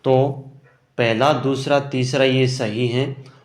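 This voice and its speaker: Slow-talking man teaching grammar. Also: medium pitch, steady tone. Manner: explains answer options slowly, often adds "ठीक है ना". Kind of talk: exam prep lesson. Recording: roomy echo.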